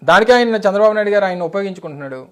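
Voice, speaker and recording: A middle-aged party spokesman answers insistently in a heated political interview, speaking emphatically in a rapid mix of Telugu and English. His voice sits high, animated and clean.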